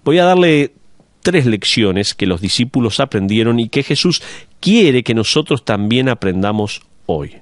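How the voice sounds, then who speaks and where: A man voicing a dubbed sermon over the picture, preaching in a measured, emphatic way. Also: medium pitch, very animated, dry recording, clean studio sound.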